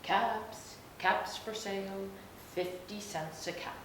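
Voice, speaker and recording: A woman's voice: mid-range voice, fairly even intonation, takes it slowly, lightly acted. A woman reading a storybook to young children, voicing an emphatic male cap peddler who calls out and scolds. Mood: calling out. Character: male cap peddler, calling out wares, easily exasperated. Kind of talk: storybook character read aloud to young children. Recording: very echoey room, distant mic, clear noise.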